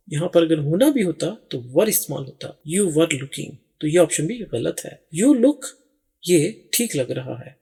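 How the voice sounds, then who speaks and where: A man's voice: on the high side, warm tone, husky. A man, teaching English grammar and patiently walking through each answer option step by step. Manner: reads each English phrase slowly and deliberately. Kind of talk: explaining grammar exercises.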